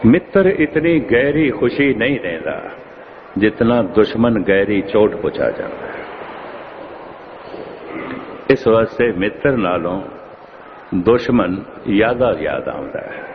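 A man giving a religious discourse as a preacher, measured and repeating phrases for emphasis. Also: fairly low pitch. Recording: tinny phone-like lo-fi audio with faint noise.

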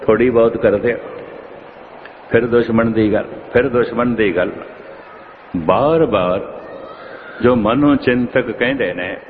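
A man giving a religious discourse as a preacher, measured and repeating phrases for emphasis. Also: medium pitch. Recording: tinny phone-like lo-fi audio with faint noise.

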